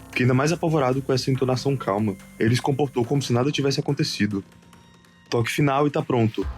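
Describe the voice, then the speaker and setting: A man narrating a first-person animated story in a wry, conversational scripted read. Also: medium pitch, husky.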